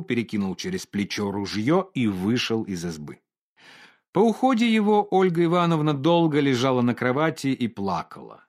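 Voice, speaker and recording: A male narrator reads a classic story in an expressive, theatrical way. His pitch sits in the middle range and moves a great deal. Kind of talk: expressive literary audiobook reading.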